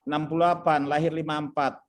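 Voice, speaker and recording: A man in his late sixties from West Java talks on a video call in a slightly higher register. He is modest and hesitant, often pausing on fillers before going on. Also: flat delivery. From West Java, Indonesia. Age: 60s. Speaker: university official. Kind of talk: casual video call chat.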